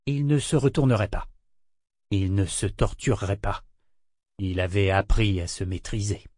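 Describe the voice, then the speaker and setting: Recorded in studio quality with no echo, a man with a medium-pitched voice narrates an audiobook. His storytelling is measured and even.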